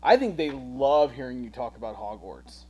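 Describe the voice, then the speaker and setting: A man's voice: medium pitch, lively intonation, moderate pace, a little mellow, a little hiss or hum, poor audio. A man co-hosting a casual show, teasing his partner dryly while building a toy set. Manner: dry teasing, playful. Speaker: co-host.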